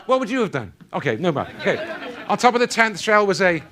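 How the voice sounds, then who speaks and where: Male keynote speaker, light pitch, lively motivational conference talk with audience call-and-response. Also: fast talker, a crowd in the background, noisy background. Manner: animated, quizzing the audience with call-and-response questions. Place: conference hall.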